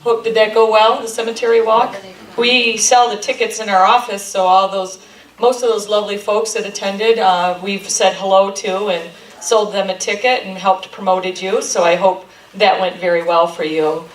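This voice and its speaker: A middle-aged Michigan woman who presides over a chamber of commerce gives a friendly, rambling informal talk to a local group in a meeting room, saying "um" often. Her voice is medium-pitched with fairly even intonation at normal speed. The recording is distant and echoey, with a slight hiss or hum.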